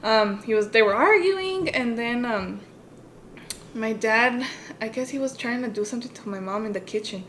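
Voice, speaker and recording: Bilingual woman co-host, storytelling with a slightly high voice over a faint rumble. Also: animated, a little slow. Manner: switches between English and Spanish mid-sentence; rises high and loud when quoting her parents. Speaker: podcast co-host. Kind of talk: casual personal storytelling.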